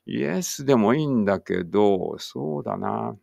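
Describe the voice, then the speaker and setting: Low, gravelly-voiced man teaching English. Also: lively intonation, moderate pace, a little mellow, no echo, clean studio sound. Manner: thinks aloud while typing, chatty and encouraging. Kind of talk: online English writing lesson.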